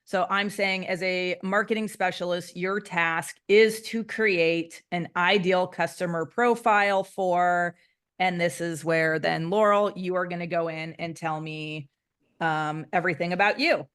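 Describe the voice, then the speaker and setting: Woman, marketing coach, lowish voice, relaxed and chatty, lots of fillers. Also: unhurried, clear, resonant tone. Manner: relaxed, filler-heavy explaining. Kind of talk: casual coaching session with screen share.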